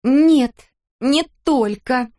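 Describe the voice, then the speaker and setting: Woman voicing a furious teenage girl, shrill. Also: lively intonation, brisk. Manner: shouting, sharp.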